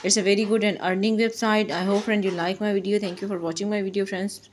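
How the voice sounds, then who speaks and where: A woman's voice: medium pitch, steady tone, quick pace, a little mellow, a little hiss or hum. Woman host narrating a phone screen tutorial. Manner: repetitive, addresses viewers as friend, non-native English phrasing. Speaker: YouTube channel host. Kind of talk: screen-recorded tutorial walkthrough. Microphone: voice-over on phone screen recording.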